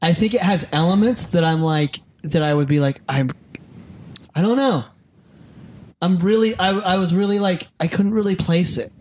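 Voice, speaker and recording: A man's voice: high voice, normal speed, a little mellow. A young man co-hosting a podcast, chatting loosely, restarting sentences and laughing often. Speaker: podcast co-host. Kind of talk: casual chat.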